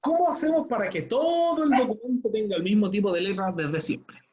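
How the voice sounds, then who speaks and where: A man with a high-pitched, brisk, slightly mellow voice teaches an online class tutorial over dull lo-fi computer audio. He patiently explains each step and checks in with his students.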